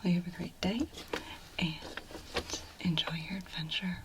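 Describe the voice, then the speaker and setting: A woman in a whispered role-play, speaking as a gentle clinic examiner in a soft, reassuring, step-by-step manner. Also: on the low side, normal speed, background noise. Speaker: ASMR performer playing a clinician.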